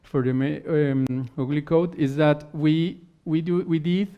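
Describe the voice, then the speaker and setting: A man who is not a native English speaker gives a technical talk and answers Q&A on a conference hall stage, explaining in halting phrases and often restarting words. His voice is fairly high and smooth, captured in a dull, lo-fi conference recording.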